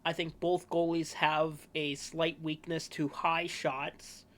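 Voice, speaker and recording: A male podcast host with a fairly high voice talks through a sports preview at an unhurried pace. He rambles casually, fills pauses with "yeah" and "um", and corrects himself mid-sentence. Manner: relaxed, rambling, with frequent fillers and self-corrections.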